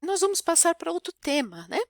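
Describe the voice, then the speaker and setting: A woman with a São Paulo Brazilian accent gives an online French pronunciation lesson in a high, bright voice. She explains patiently, keeps asking "né?" and slows down to model each sound. The recording is close and dry, with no room echo. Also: sing-song. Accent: São Paulo Brazilian Portuguese. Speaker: French teacher.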